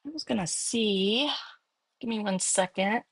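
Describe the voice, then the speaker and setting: A woman's voice: mid-range voice, measured pace, a bit bright, husky, no room sound. A woman with a Texas accent hosting a casual card-making demo, chatting and thinking aloud as she works. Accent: Texan. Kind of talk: casual live crafting demo.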